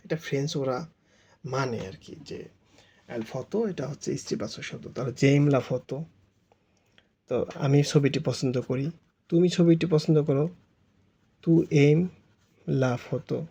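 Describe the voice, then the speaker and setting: A Bengali-speaking man teaches French grammar step by step, repeating himself patiently and spelling words out letter by letter. His voice is a little high, mellow and slightly rough.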